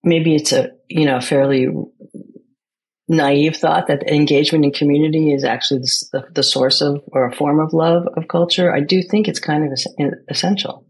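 A woman's voice: deep voice, fairly even intonation, moderate pace, husky, rough recording. An American woman speaking as an interview guest, thoughtful and searching for words with frequent restarts. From United States. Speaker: guest, poet and playwright. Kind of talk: reflective conversation.

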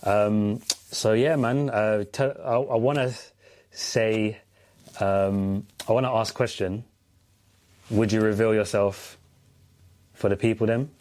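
A man with a lowish voice and a London accent hosts a casual chat. He talks in relaxed street slang, as an interviewer among peers. He often says a phrase again. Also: takes it slowly, pauses often. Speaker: podcast host, interviewer.

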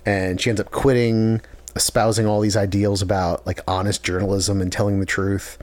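Podcast co-host, male, lower pitch, dry close sound, chatty episode recaps. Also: level tone, moderate pace, a little mellow, no echo. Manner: long plot recaps with fillers. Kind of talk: casual chat.

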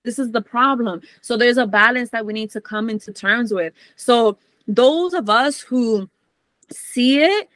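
A woman guest on a podcast talking in a casual, animated and blunt way, swearing freely. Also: a little high, measured pace, no echo.

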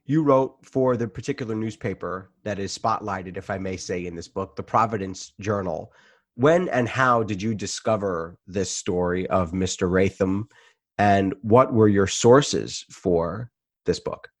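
A man hosting an interview podcast, reading a measured, formal introduction and asking questions. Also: sits low, dry recording.

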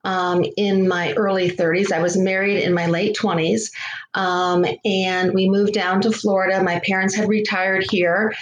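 A woman's voice: medium pitch, flat delivery. Middle-aged woman from connecticut, interview guest, reflective and heartfelt, her voice bouncing with a heavy echo. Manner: reflective and heartfelt, with many pauses. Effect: heavy echo around the voice. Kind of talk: personal story in a podcast interview. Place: echoey room. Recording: echoey room, faint noise.

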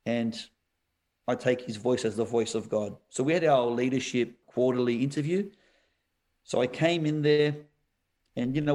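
A man, a pastor telling a personal story in a podcast interview, animated and quick to laugh. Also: mid-range voice. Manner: animated storyteller, laughs often, says "bro".

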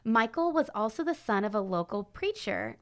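A woman's voice: on the high side, big pitch swings, moderate pace. A woman co-hosting a true-crime podcast, narrating with jokey asides and laughter. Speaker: podcast co-host.

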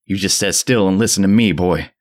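A man voicing a terrified old drunk who rants in a shrill, cracking old voice and a rustic dialect. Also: fairly even intonation, normal speed. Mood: frenzied. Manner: rustic old New England dialect, ranting. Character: terrified old male drunk, rambling and frantic.

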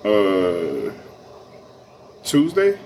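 A man's voice: on the low side, huge pitch swings, very slow, darkish tone, a little hiss or hum. A young adult man co-hosting a casual podcast, talking in laid-back slang and laughing often. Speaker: podcast co-host.

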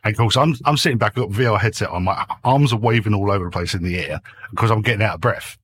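A man's voice: lowish voice, very fast. A man on a podcast as a guest, talking jokily through a noise-cancelled desk mic and laughing often. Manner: jokey, animated storyteller who laughs often. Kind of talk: casual chat.

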